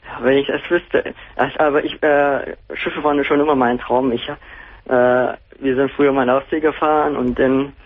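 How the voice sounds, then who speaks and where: A man's voice: medium pitch, little pitch movement, normal speed. A man from Saxony-Anhalt, a trained ship captain calling a radio show, giving brief, hesitant answers. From Saxony-Anhalt, Germany. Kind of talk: phone call to a radio talk show. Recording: tinny phone line on radio.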